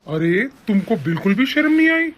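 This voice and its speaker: A voice actor playing an indignant young husband and son in an animated family story. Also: mid-range voice, a little fast, dull audio. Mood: stern. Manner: stern, indignant.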